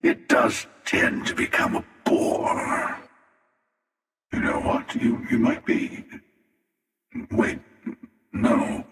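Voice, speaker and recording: A man voicing a smug, menacing, world-weary hunter from a video game, with a breathy rasp and sardonic, deliberate delivery. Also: a bit bright. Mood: wry, bored. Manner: sardonic, deliberate, drawling taunts. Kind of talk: video game character voice acting. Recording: echoing, long reverb, distant.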